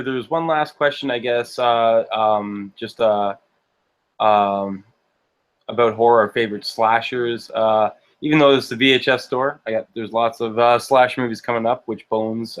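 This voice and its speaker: Male livestream host, hesitant and filler-heavy, mid pitch. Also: fairly bright tone. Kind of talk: livestream interview.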